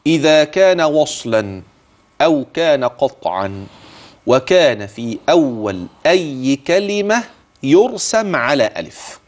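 A middle-aged man with an Egyptian Arabic accent teaching Quran recitation rules, voicing his students' questions and then answering them himself. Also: medium pitch. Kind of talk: tajweed lesson with recited verses.

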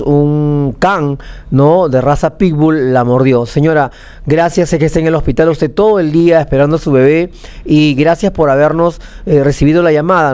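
This young man has a slightly high, smooth voice with a darkish tone and a Peruvian accent. Seated at a desk in a small TV news studio, he anchors live news and conducts interviews, speaking emphatically and repeating phrases.

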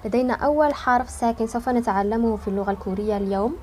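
A woman teaching an online language lesson, explaining slowly and patiently, stretching key words and pausing to think. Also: on the high side, darkish tone, slight background noise.

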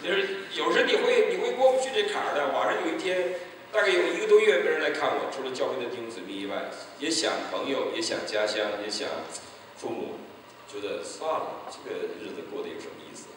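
A man preaches, his bright voice leaping up and down in pitch as he tells the story and acts out each exchange. His voice sounds distant in a very echoey hall with long reverb and faint background noise. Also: fast talker. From mainland China. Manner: animated storytelling, acting out dialogue, bursts of loud exclamation. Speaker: pastor. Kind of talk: evangelistic sermon. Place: large church hall.

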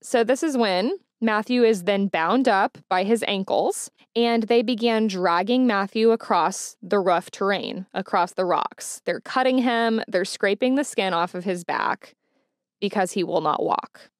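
A woman hosts a mystery podcast and talks through a true-crime case in a relaxed, conversational way. She fills her sentences with "like" and "you know" and speaks straight to her listeners. Her voice sits at an ordinary middle pitch and sounds dry, with no room echo. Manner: chatty, frequent "like" and "you know" fillers; conversational, addresses listeners directly. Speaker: podcast host. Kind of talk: casual true-crime storytelling.

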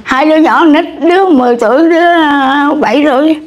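An older woman answering an interviewer in short, halting replies. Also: high voice. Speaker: elderly interviewee. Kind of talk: casual conversation. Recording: dull lo-fi sound.

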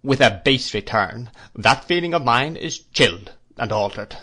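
A man voicing a cold, arrogant, severe husband with a pompous, measured and commanding way of speaking, in a classic novel reading. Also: medium pitch, expressive, bright, forceful tone, breathy edge, full character voice. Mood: icy reproach. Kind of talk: classic novel read aloud.

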